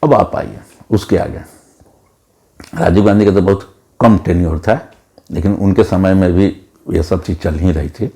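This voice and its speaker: A man delivers an opinionated commentary monologue. His voice sits a little low and sounds mellow and warm. He lectures emphatically, often repeating words to drive his point home. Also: measured pace, vocal fry, pauses often. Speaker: political commentator.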